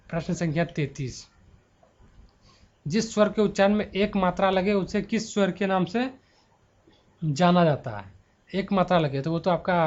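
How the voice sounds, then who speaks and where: A man's voice: fairly high pitch, a little mellow. Man teaching grammar, dull lo-fi mic. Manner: thinks aloud, corrects himself. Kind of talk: exam prep lesson. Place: at home before a laptop. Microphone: handheld mic at a laptop.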